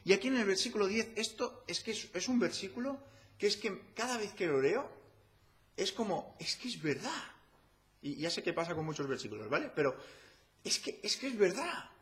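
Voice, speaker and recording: Very animated at a normal speed, a man with a high, fairly bright voice preaches a sermon in church. He has a Spanish accent from Spain and addresses the congregation in a conversational way, posing rhetorical questions.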